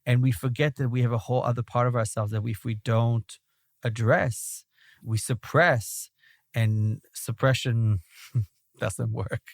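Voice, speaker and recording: In a thoughtful conversational interview, a rabbi from Belgium talks discursively as a podcast guest, his Belgian accent clear and "right?" recurring often. He has a gravelly mid-range voice, a steady tone and an unhurried delivery, captured in clean studio audio without room sound.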